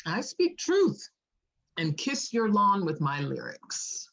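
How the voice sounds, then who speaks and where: Here a woman reads the part of a teasing, witty poet dropping in on a former lover, in a casual table read of a screenplay. Her American-accented, slangy delivery is playful and reflective, with a slow, medium-pitched, slightly bright full character voice that swoops wildly and carries vocal fry.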